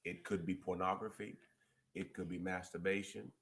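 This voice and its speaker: A man hosting a relationship advice chat, emphatic and preachy, quoting scripture and repeating key points slowly. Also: low voice, steady tone, gravelly, fairly bright tone.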